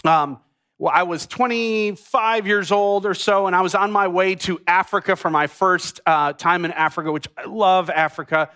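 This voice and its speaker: Bright-voiced man preaching with playful humor. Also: high voice, normal speed, clean tone. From United States. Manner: humorous storytelling to a congregation. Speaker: pastor. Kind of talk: sermon.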